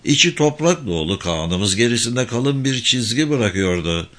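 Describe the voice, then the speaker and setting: A man narrating a story aloud in a steady storybook manner, adding short footnote asides. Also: medium pitch, measured pace.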